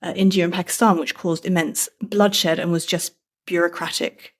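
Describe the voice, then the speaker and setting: In an interview about her book, a guest author from Britain talks in a conversational, thoughtful manner and pokes gentle fun at herself. Her British-accented voice is lowish and steady at a normal speed.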